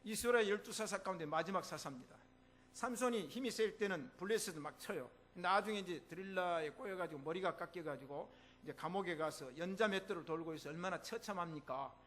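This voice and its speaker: A man's voice: high-pitched, brisk, fairly bright tone. A man with a Jeolla accent, a church pastor preaching a sermon in an emphatic, exclaiming way. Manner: emphatic, exclaiming, mimics voices in quotes. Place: church sanctuary.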